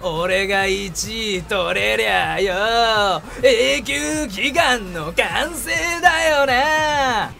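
A man doing a brash, gruff young male delinquent who drawls and shouts his threats, over background music. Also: high voice, expressive, drawn-out words, hardly any pauses, heavily acted. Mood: brash, threatening.

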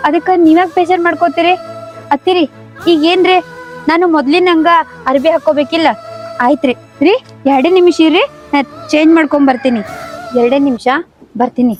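A woman with a North Karnataka accent playing a gentle young daughter-in-law who comforts her husband in a village family drama skit. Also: high-pitched, a little fast, faint music behind, lightly acted. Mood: consoling. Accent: North Karnataka Kannada. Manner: soft, consoling.

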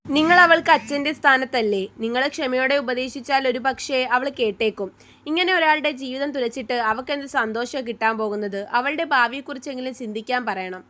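A caring mother speaks firmly and earnestly in a story read aloud, as a woman narrator voices her. The voice is high. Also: a little fast, fairly bright tone. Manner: firm, earnest persuasion.

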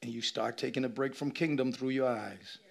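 A man in his thirties preaching a lively sermon on a church stage, swinging from shouts to low asides and acting out little scenes. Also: fairly quick, gravelly. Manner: animated preaching, shifting between loud shouts and low asides. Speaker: pastor. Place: church stage with a seated audience.

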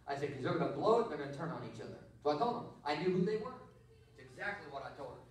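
A middle-aged man preaching a sermon as pastor, swinging between loud emphatic bursts and quiet storytelling. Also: on the high side, expressive, racing, a little hiss or hum. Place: church sanctuary. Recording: very roomy church sound, voice from far off.

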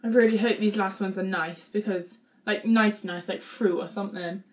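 A woman's voice: medium pitch, fairly even intonation, normal speed, a little mellow. A young woman vlogging a food challenge, dramatic and giggly. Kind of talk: casual chat.

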